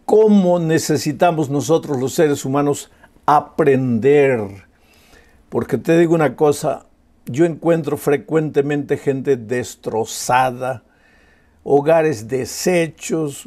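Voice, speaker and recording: A man's voice: medium pitch, takes it slowly, dark tone. A male pastor preaching a sermon with passion, using rhetorical questions and repetition.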